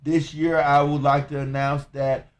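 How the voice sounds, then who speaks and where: A man with a Southern accent hosting a solo podcast update, talking in a slow, measured monotone with frequent pauses and fillers. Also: fairly high pitch. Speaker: podcast host.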